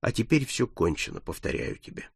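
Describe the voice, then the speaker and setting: A man reading an audiobook, voicing a melancholy young soldier who expects to die, speaking low and subdued. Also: big pitch swings, fairly quick, gravelly, husky, no room sound, clean studio sound, heavily acted. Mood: mournful.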